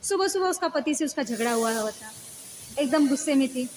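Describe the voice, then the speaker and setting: A woman's voice: high-pitched, animated, fairly quick, darkish tone, a little hiss or hum, low-quality recording. A woman giving a devotional lecture who tells a story and explains it, often asking her listeners questions. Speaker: spiritual lecturer.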